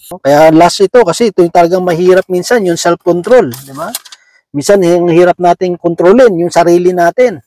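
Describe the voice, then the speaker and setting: Man, sermon, high voice, dry sound, conversational, checks in with listeners. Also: dark tone, dry recording, poor audio. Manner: conversational, asks "no?" and "di ba?" after nearly every phrase. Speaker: preacher.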